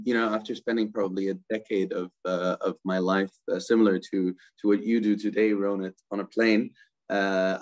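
A man's voice: fairly low pitch, low-quality recording. A middle-aged man from Germany, a guest on a video-call interview, speaking fluently and energetically and often adding "right?". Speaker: guest, crypto ecosystem co-founder. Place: indoors, virtual office backdrop.

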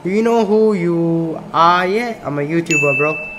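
Very noisy audio carries an unhurried, somewhat high male voice. This young YouTuber from Singapore does casual gameplay commentary in a small room, reading the game's questions and reacting loosely, frequently calling out "bro."

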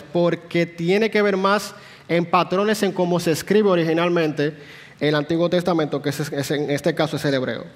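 A man teaching a Sunday school class in a church, explaining patiently and putting questions to the room. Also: high voice. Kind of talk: church Bible class lecture. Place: church hall. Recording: long hall reverb.

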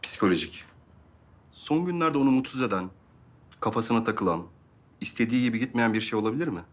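An actor playing a calm doctor explaining a patient's condition in a measured way. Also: male voice, mid-range voice, close to an everyday voice. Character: calm hospital doctor briefing a patient's father.

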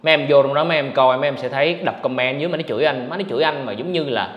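A man hosting a casual livestream podcast, talking in an animated, ranting way to his viewers. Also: medium pitch, rapid-fire, lo-fi sound. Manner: animated, ranting, mocks others in put-on voices. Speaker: podcast host. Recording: echoey room with long reverb.

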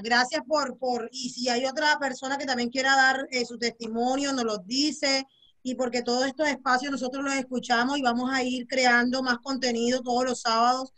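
High-voiced woman hosting an online workshop. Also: pushed and bright. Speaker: host of a workshop. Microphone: video call.

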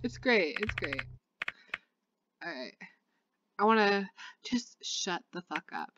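A woman's voice: mid-range voice, lively intonation, takes it slowly, dull audio, noisy background. A woman giving casual let's-play commentary while reading a game aloud, swearing freely. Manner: casual, swears, laughs loudly. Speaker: gamer. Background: game music.

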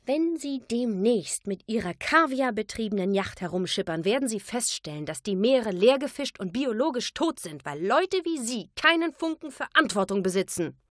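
A woman's voice: fairly low pitch, normal speed, no echo, clean studio sound. A woman voicing a fiery young bistro owner and single mother who speaks heatedly and indignantly.

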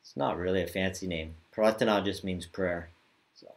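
A man teaching yoga mantra chanting over a video call, drawing out the chants slowly and talking more quickly between them. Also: low-pitched, steady tone. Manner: slow drawn-out chanting, quicker casual asides.

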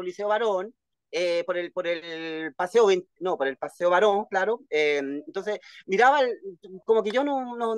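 A poet in his fifties from Valparaíso, Chile, speaks with a Chilean accent as an interview guest over video call from home. He tells stories casually and often repeats words. His voice is high, with no echo.

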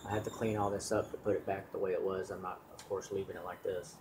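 This solar hobbyist talks fast in a deep, nearly flat voice while filming his equipment test by hand. His unscripted demo is plainspoken and meandering, full of fillers and restarts, against a noisy background.

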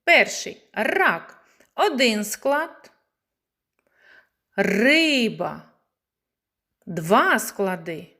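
Slow sing-song woman teaching small children. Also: medium pitch, very animated, bright, forceful tone. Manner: slow, clear and sing-song, stretching words into syllables. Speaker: preschool teacher. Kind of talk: slow lesson for young children.

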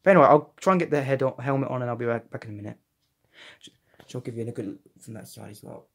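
A young man chatting casually as he reviews a collectible figure, excitable and rambling with frequent restarts. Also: mid-range voice, racing, vocal fry. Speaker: toy reviewer. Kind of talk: casual unboxing vlog.

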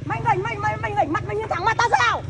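A woman yells and curses at her husband in a fast, gravelly, very high voice. She is recorded outdoors on a busy street, with a loud crowd and heavy traffic noise drowning around her. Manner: shouting, cursing, demanding answers. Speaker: wife confronting her husband. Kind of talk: heated street confrontation.

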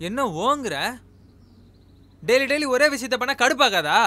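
A fed-up, scolding young husband. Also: male voice, very high voice, animated, moderate pace, no echo, heavily acted. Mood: angry scolding. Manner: loud, scolding, exasperated. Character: irritable young husband fed up with repeated meals. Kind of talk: comic web series acting. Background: loud guitar music.

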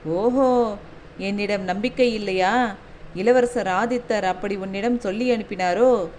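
A woman's voice: medium pitch, a little slow, darkish tone, a little hiss or hum, natural voice. A woman voicing a proud older male fort commander in a storybook reading, speaking in brusque, commanding questions. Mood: scornful.

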